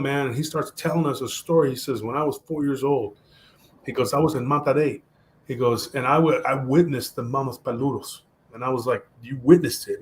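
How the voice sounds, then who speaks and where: A man telling a story on a podcast in a casual, animated way, mixing Spanish slang into his talk. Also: medium pitch, a little hiss or hum. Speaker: podcast guest.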